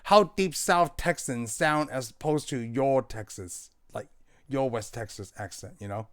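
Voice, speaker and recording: A man's voice: medium pitch, a little slow. Inquisitive man in casual movie chat. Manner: inquisitive, tentative, often checks with "right?". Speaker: movie podcast co-host. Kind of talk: casual film discussion.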